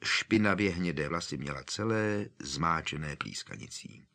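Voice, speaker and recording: A man narrating an audiobook with expressive, dramatic storytelling. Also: low voice.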